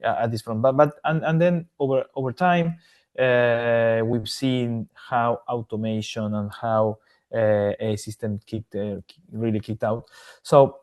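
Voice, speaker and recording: A man's voice: mid-range voice, fairly even intonation, a little mellow. Male guest from Argentina, mid-range voice, hesitant speech full of restarts. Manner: halting, many repeated words and restarts. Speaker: podcast guest, AI governance consultant. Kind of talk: casual interview answers.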